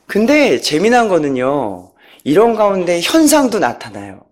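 Brief: man, personal testimony; high, very lively pitch; animated, chuckling storyteller who acts out quotes. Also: a little slow. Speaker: speaker giving a church testimony.

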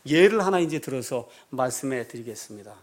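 A man's voice: mid-range voice, brisk. A male pastor preaching a sermon, acting out quoted speech in a raised voice. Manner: animated preaching, acts out quotes loudly.

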